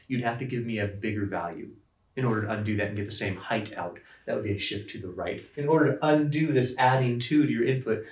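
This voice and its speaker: A man in his forties teaching a math class at a whiteboard, talking with emphatic energy and acting out the questions students ask. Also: mid-range voice. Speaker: math professor. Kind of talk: classroom lecture. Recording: roomy classroom with some distance.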